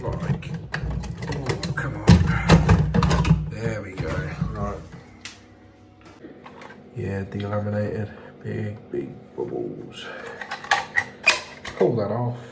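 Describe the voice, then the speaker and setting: A British man who sounds unwell with a runny nose, talking casually and haltingly to himself as he narrates his plumbing work. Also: lowish voice, fairly even intonation. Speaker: plumber filming his jobs. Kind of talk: casual work vlog, talking through tasks. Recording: noisy, clicks and vehicle sounds.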